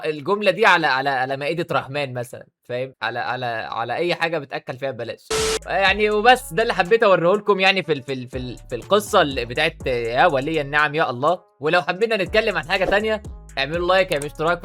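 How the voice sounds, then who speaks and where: A man's voice: on the high side, pushed and bright. A man with an Egyptian Arabic accent giving teasing reaction commentary, often stammering and repeating words. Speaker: YouTuber.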